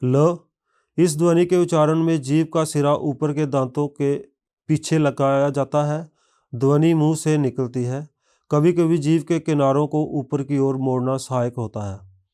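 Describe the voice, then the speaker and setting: A man narrating a scripted language lesson, reading word lists one by one in a measured way. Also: fairly high pitch, fairly even intonation, warm tone, clear, resonant tone. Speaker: language teacher.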